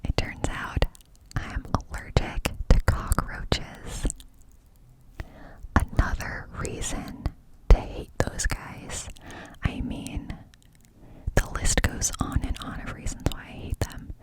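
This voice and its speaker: A woman's voice: takes it slowly, long pauses, poor audio. A woman doing ASMR in an intimate, conspiratorial cupped-hand whisper, as if confiding secrets close to the mic. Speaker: ASMR host.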